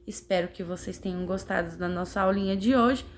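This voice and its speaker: A woman teacher, explaining a grammar lesson slowly and carefully, sounding out syllables. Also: mid-range voice, slight background noise. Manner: slow, carefully spelling out syllables. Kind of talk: slow classroom explanation.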